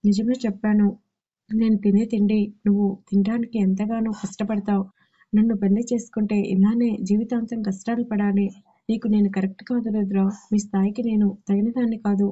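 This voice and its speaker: Woman voicing a sharp-tongued young woman. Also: medium pitch, level tone, fairly quick, dull audio, natural voice. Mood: earnest. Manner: sharp, scolding. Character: young woman, proud, quick-tempered.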